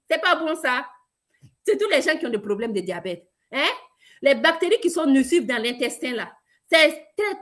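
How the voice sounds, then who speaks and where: Woman from Burkina Faso, high voice, emphatic sales trainer talking straight to the audience. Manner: lively, emphatic, addresses listeners directly. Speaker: product presenter.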